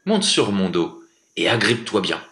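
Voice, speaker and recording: A man's voice: lowish voice, big pitch swings, normal speed, bright, forceful tone. A man voicing a big grey talking wolf, a stern but loyal helper who scolds and then forgives, in a storybook reading. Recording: echoey room.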